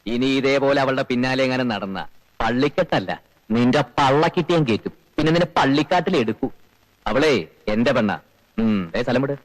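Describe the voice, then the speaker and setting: A man's voice: mid-range voice, fairly quick, lightly acted, poor audio. A man playing a bossy, penniless drifter in a film comedy, blunt and exclamatory as he scolds. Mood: threatening. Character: bossy, scolding, broke drifter leading his hungry friend. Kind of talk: broad film comedy acting. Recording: film soundtrack with music behind.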